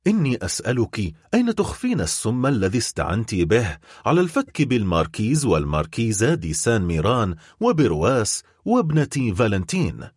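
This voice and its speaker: A man voicing a stern male prosecutor who accuses his wife in grave, measured speech, in an audiobook. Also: fairly low pitch, huge pitch swings, a little mellow, breathy edge, no echo, studio quality, exaggerated voice. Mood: accusing. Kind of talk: audiobook character voice.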